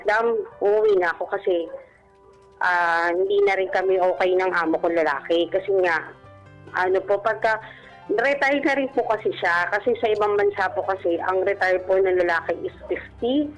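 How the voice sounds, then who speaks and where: Calling a radio show, a Filipino woman who once worked abroad as a domestic worker recounts her personal story in a relaxed interview, polite and deferential throughout. Her voice is mid-range, and the lo-fi recording has background music underneath.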